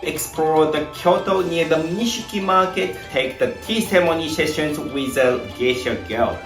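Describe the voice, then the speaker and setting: A man from Japan with a Japanese accent, a tour guide giving an upbeat promotional pitch full of rhetorical questions and long lists. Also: normal speed, fairly bright tone. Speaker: tour guide and founder of a craft tour. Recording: roomy voice with faint background music.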